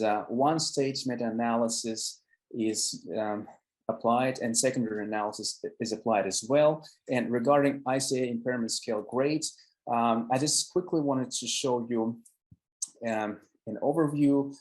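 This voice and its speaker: A young man, presenting a medical paper on a video call, halting with many fillers and restarts. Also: mid-range voice, poor audio. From Finland.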